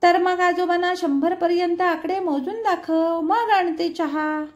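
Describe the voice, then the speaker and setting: A woman's voice: very high voice, fairly even intonation, unhurried, pitched above the performer's own voice. A woman voicing a young schoolteacher who talks playfully and affectionately with a small boy in a read-aloud novel. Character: warm young woman teacher, gently teasing.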